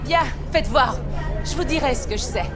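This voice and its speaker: Paranoid doomsday cult follower in a game, really high voice, solemn and urgent, street crowd behind. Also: female voice, expressive, moderate pace, over music. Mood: urgent, secretive. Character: fervent paranoid female street cult disciple, doom-laden. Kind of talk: video game voice acting.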